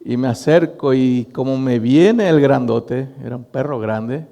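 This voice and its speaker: A middle-aged pastor preaches to his congregation, speaking to them directly as he tells a story. His voice is mellow and sits at an ordinary pitch for a man. The sound rings with the long reverb of a church hall. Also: unhurried, creaky. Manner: storytelling, addressing the congregation as brothers, animated. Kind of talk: sermon.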